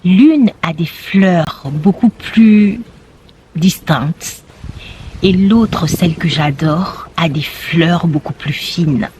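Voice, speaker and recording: A woman talks to her viewers in a slow, unhurried way, letting her words stretch out. Her voice sits a little low and stays soft and reflective, sometimes dropping almost to a whisper. A faint hum of ambient noise lies behind her. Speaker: vlogger on plants and flowers. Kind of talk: casual talk to camera.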